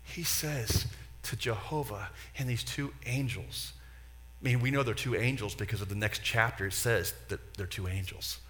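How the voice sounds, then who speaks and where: A male pastor preaching a sermon with passion, swinging from loud urging to hushed, near-whispered pleading. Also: fairly low pitch, moderate pace.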